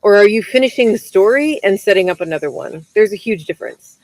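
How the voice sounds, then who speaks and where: A woman's voice: mid-range voice, expressive, fast talker, a little mellow, no room sound, rough recording. A woman co-hosting a live-stream chat, giving firm, direct advice. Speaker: livestream co-host.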